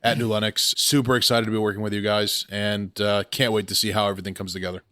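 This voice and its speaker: A man hosting a podcast in casual, informal chat, with an excitable manner and a scratchy throat after surgery. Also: lowish voice, fast talker, no room sound, studio quality. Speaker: podcast host.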